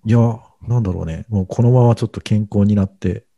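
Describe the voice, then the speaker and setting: A man's voice: fairly low pitch, fast talker, vocal fry, dark tone, no echo, highs cut off. A middle-aged man co-hosting a casual podcast, talking in a hesitant, rambling way full of fillers. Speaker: podcast co-host.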